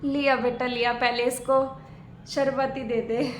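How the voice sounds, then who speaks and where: A woman playing a gentle, soft-spoken older mother who calms and mildly scolds her daughter. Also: high voice, a little slow, slight background noise. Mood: soothing. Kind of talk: homemade family skit acting. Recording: echoey room.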